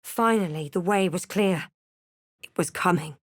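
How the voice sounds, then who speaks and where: A woman playing a snarky young female adventurer in a video game, with a measured, dry and dramatic scripted delivery. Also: lowish voice, no echo. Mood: solemn narrating. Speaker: video game player-character voice actor. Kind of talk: scripted game voice lines, narration and spell incantations.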